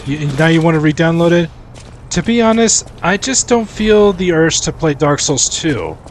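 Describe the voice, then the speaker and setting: Animated forty-something man streaming games. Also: on the high side, moderate pace, a little hiss or hum. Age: 40s. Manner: rambling, animated, restarts often. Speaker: game streamer. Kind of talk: casual live-stream chat while gaming.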